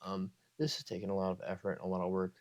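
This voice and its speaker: A man who hosts an ASMR channel, talking softly with a strained throat and rambling, often correcting himself and slipping into whispers. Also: sits low, monotone, fast talker. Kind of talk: soft-spoken ASMR outro chat.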